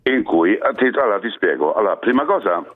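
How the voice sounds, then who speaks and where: A man's voice: on the low side, animated, a little fast. A man from Rome calling in by phone, insistent and argumentative, swearing as he pushes to be heard. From Rome, Italy. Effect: heard over a phone line. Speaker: radio caller. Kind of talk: call-in argument. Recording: tinny phone line.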